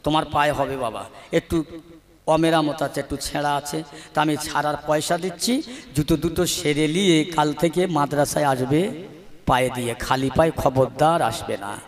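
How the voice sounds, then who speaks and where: A man voicing a kind, wise old madrasa teacher who speaks gently and like a father, in a sermon story. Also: on the high side, fairly even intonation, normal speed, natural voice. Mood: gentle. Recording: long hall reverb.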